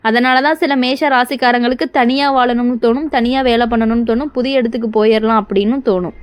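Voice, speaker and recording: A woman's voice: fairly high pitch, steady tone, fast, smooth. A woman presenting a horoscope in a reassuring, scripted way, speaking straight to the listener. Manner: reassuring, repetitive, direct address to listener. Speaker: astrology presenter.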